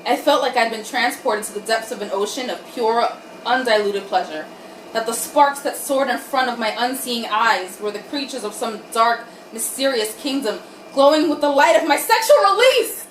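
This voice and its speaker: A tipsy, high-voiced woman reads erotic fiction dramatically for a comic group she's hosting, her intonation lively and her pace moderate. Giggly and irreverent from the wine, she keeps breaking off to crack jokes. The sound is roomy, captured by a distant mic with faint background noise.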